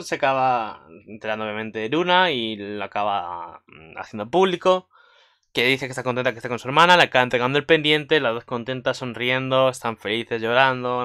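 Young dude rambling an anime recap, bright crisp voice, lots of fillers. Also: male voice, medium pitch, quick pace. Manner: rambling, filler-heavy, excitable. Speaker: anime commentary vlogger. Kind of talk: casual episode recap.

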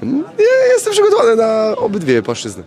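A man around thirty, a fighter answering reporter questions at an outdoor event, stumbling and restarting his words. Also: vocal fry. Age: 30s. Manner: halting, restarts words, lively pitch. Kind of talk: press interview. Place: outdoor event media wall. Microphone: handheld reporter mic.

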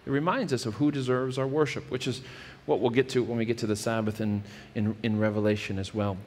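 Preaching briskly, this man in his thirties has a mid-range voice with fairly even intonation and a slightly mellow quality. The pastor earnestly explains scripture from a church stage backed by a wood-paneled wall, often restarting his phrases amid the church hall's reverb.

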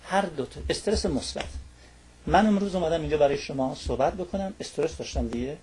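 Lecturing man, slightly high voice. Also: a little mellow, slight background noise. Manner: lecturing, checks in with tag questions. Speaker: studio guest explaining stress. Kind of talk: explanatory talk-show interview.

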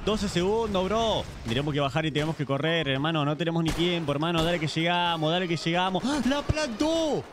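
A man with a Rioplatense Spanish accent giving excited live gameplay commentary, yelling and swearing in bursts. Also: fairly high pitch, fast, hardly any pauses, noisy background. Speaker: gaming YouTuber.

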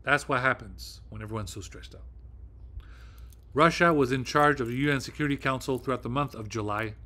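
A man's voice: mid-range voice, a little fast, bright, forceful tone. Rambling agitated male vlogger. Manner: rambling, agitated, swearing, many fillers. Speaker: video host. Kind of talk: casual monologue.

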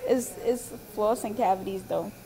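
Gravelly young woman through a face mask. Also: mid-range voice, normal speed, dark tone, low-quality recording. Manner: slangy, laid-back street talk. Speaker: vlogger. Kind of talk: casual vlog chat. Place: dental office.

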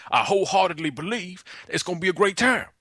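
A man's voice: sits high, animated, fast talker, bright, forceful tone, husky, no room sound, clean studio sound, full character voice. A man playing a brash, pushy young prank caller who talks in cajoling street slang. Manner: slangy, cajoling, constantly saying "dog". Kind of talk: prank phone call.

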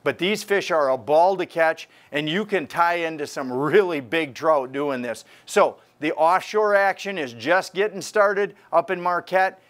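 An older man delivers a fishing report in a lively, conversational way. His voice sits a bit high for a man. He talks straight to the camera from inside a tackle store. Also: measured pace, few pauses. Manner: energetic, gestures while talking to camera.

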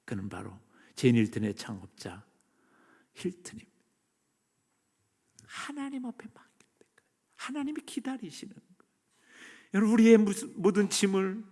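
A man preaching a sermon as pastor, moving between loud emphasis and hushed near-whispers. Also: high-pitched, big pitch swings, normal speed, long pauses. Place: church sanctuary. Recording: long church reverb.

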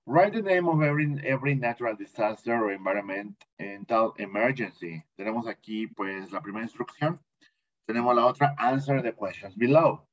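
Bilingual male English teacher, Mexican accent, patient, medium pitch, slightly muffled audio. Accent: Mexican Spanish. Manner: patient, repeats words slowly for students to copy. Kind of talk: bilingual classroom lesson.

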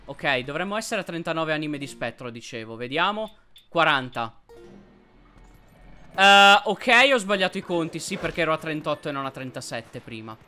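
A man hosting a let's play, commenting on gameplay and yelping excitedly at enemies. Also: fairly high pitch, normal speed, faint music behind. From Italy. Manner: excitable, yelps and shouts at enemies.

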